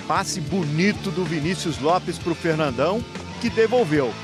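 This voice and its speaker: A man's voice: on the high side, expressive, measured pace, music in the background. A Brazilian man narrating a scripted football recap.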